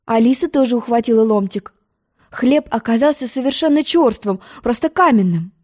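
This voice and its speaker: A woman calmly narrating a children's storybook. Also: on the high side, normal speed. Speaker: audiobook narrator.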